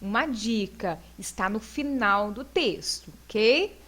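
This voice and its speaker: A woman's voice: mid-range voice, lively intonation, slow pace, fairly bright tone. A female teacher with a Brazilian Portuguese accent, going through homework answers in a recorded lesson and explaining each point step by step. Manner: patient, explains step by step with frequent "né".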